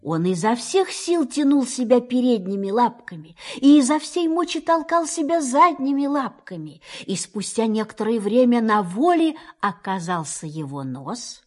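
A woman reading a children's story aloud in an expressive storytelling manner. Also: fairly high pitch, normal speed, few pauses.

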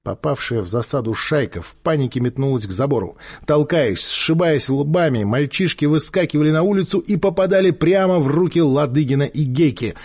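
Husky, lively male storyteller. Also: a little high, brisk, hardly any pauses. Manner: expressive, voices the characters. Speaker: audiobook reader. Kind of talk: scripted narration.

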